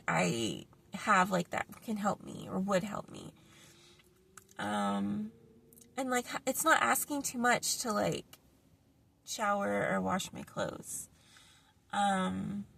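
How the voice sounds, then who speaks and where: A middle-aged woman talks straight to the camera in a loose, unscripted vlog. Her voice has a gravelly, creaky edge, and she rambles along with lots of fillers and false starts. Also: mid-range voice. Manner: rambling, many fillers and restarts. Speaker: vlogger. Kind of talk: casual vlog monologue. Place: parked car.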